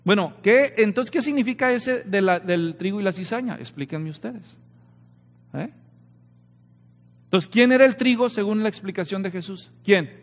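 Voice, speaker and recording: High-voiced man preaching in a reverberant hall. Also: moderate pace. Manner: lively preaching, frequent rhetorical questions to the congregation. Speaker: pastor. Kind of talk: sermon.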